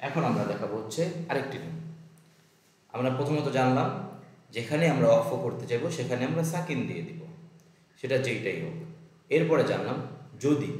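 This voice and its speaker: A man teaching the rules for pausing in Quran recitation, patiently repeating each rule, asking and answering his own questions, and chanting the examples slowly. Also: mid-range voice, a little mellow. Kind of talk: step-by-step lesson with slow chanted examples. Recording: very echoey room.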